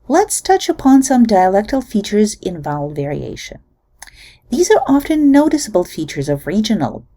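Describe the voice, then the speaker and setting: Woman, lecturer, measured explanation, demonstrates sounds, animated pitch, warm dark tone. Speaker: linguistics lecturer. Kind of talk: recorded lecture.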